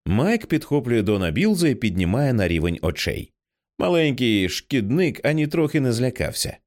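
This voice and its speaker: A man's voice: mid-range voice, moderate pace. A man narrating an audiobook dramatically, acting out each character. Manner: expressive, acts out each character. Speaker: audiobook reader.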